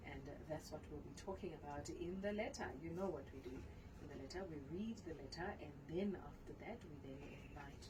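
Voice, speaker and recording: Speaking fast in a low voice, a female radio show host keeps her interview conversational and frequently echoes what her guest says. The mic sits far from her, and background noise comes through.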